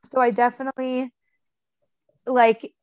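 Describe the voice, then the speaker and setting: Speaking as a guest on a podcast, a young woman chats in a frank, filler-heavy way during a casual interview, stuttering noticeably with repeated sounds and blocks. Her high voice is level, unhurried, smooth and a little mellow. The recording has no echo and sounds dull.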